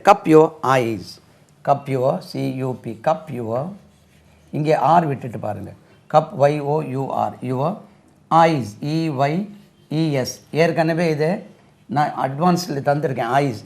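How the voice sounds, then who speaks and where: A man's voice: on the high side, vocal fry, darkish tone. A man with a Tamil accent teaching spoken English, repeating phrases and spelling words out letter by letter.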